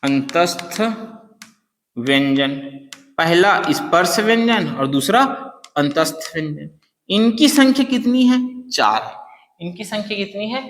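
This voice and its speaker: A male teacher giving an exam-prep lecture, asking questions and answering them himself, and slowly repeating key phrases. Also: high-pitched, expressive, a bit bright. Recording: echoey room with long reverb.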